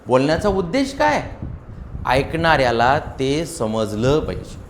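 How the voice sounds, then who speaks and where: A man teaching public speaking to a seated audience, animated and emphatic, showing how to speak loud and slow. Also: mid-range voice, slight background noise. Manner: animated and emphatic, demonstrating loud and soft delivery. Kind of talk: motivational classroom lecture.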